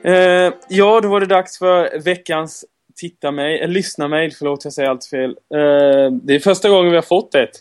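A man's voice: a little high, hardly any pauses, smooth, soft background music. A man hosting a podcast in casual chat, joking around, repeating himself and tripping over his words. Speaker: podcast host.

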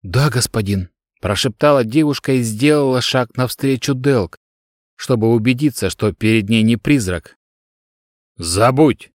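A man reading a story aloud as narrator, with steady, even storytelling. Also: mid-range voice, normal speed, no room sound, studio quality. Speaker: audiobook narrator. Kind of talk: scripted narration.

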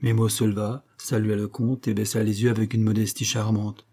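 A man reading a classic novella aloud in a measured storytelling manner. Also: on the low side, little pitch movement, dark tone. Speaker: audiobook reader. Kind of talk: scripted narration of a classic novella.

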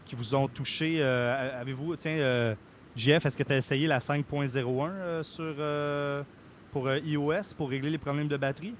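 A man with a Québécois accent hosting a podcast casually, in a halting, hesitant way. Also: fairly high pitch, fairly even intonation, noisy background. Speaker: podcast host.

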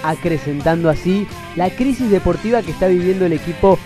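A man with a high voice reads a sports news report in a steady, scripted manner. Clear guitar music plays under him. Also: a little fast. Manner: read, even newsreader delivery. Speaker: report narrator.

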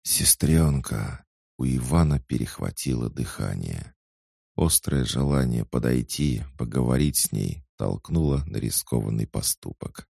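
A man narrating a science fiction audiobook in a measured, even storytelling manner. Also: rumbling low, gravelly, husky, no room sound, clean studio sound. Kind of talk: scripted narration.

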